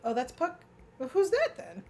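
A woman's voice: sits high, wildly swooping pitch, moderate pace, darkish tone, slight background noise. A woman co-hosting a let's play, chatting casually with giggly, playful banter. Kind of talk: casual gaming chat.

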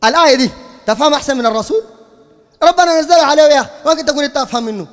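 A man's voice: extremely high pitch, very fast, big-room sound. A man with a Sudanese Arabic accent, giving a heated religious lecture in a combative, mocking, lecturing tone. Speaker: preacher.

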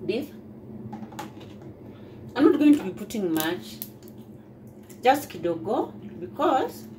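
A woman narrates her cooking in a relaxed, chatty way and often turns to ask her viewers questions. Her voice sits at an ordinary middle pitch. Frying and sizzling from the pan come through clearly behind her. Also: noisy background. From Kenya. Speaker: cooking vlogger. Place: home kitchen.

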